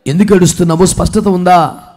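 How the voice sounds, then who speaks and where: Man, pastor, sermon, very high-pitched voice, rhetorical questions, scolding tone. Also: fairly even intonation, quick pace, a little mellow.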